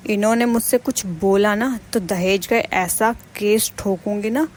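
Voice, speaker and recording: A woman's voice: medium pitch, a little slow, a little hiss or hum, lightly acted. A woman voicing a brash defiant daughter-in-law. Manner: defiant, lecturing. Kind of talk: animated cartoon voice acting.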